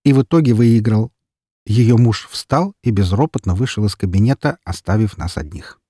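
A man narrating an audiobook in the first person, in a calm, dry and ironic manner. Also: lowish voice, normal speed, husky, no room sound.

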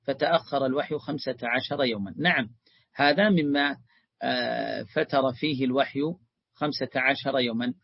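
A man's voice: medium pitch, normal speed, creaky, no echo, lo-fi sound. Man teaching a religious lesson. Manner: explanatory, addresses students warmly as beloved ones.

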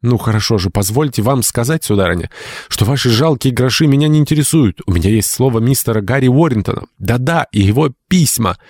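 A man's voice: low-pitched, animated, brisk, few pauses, darkish tone, no room sound. Man doing a raised, breathless young lady's voice, pleading then defiant, audiobook character, dry close sound. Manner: gasping, pleading, later defiant. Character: frightened young noblewoman, lady Maria.

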